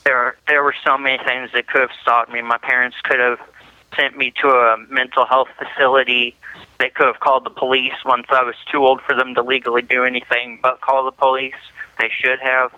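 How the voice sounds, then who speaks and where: A young man talking on a prison payphone line, in a flat, halting way with restarts. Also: medium pitch, no echo. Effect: prison payphone call line. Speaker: prison inmate. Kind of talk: interview over a prison phone. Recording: muffled prison phone line.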